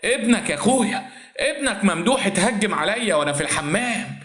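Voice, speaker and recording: A man voicing a scheming young stepmother in Egyptian Arabic, with shrill, histrionic outbursts. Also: animated, fast, fairly bright tone, roomy sound. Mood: wailing.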